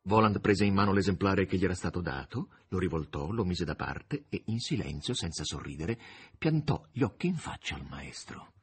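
A man reading a novel aloud, expressive and varied. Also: low-pitched, normal speed, slightly rough. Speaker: narrator. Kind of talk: audiobook narration.

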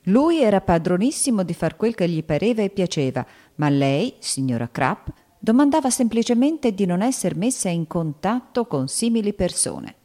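A woman calmly reading a classic novel aloud. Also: mid-range voice, moderate pace. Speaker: audiobook narrator. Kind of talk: scripted literary narration.

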